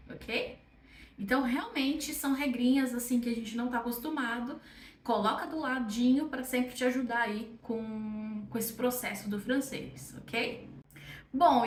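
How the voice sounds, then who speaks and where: A woman's voice: fairly high pitch, a bit bright, recorded from a distance, slight background noise. A young Brazilian woman with a Brazilian Portuguese accent, teaching an online French lesson in a chatty, encouraging way and checking in with "ok?" often. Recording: echoey room, voice off-mic.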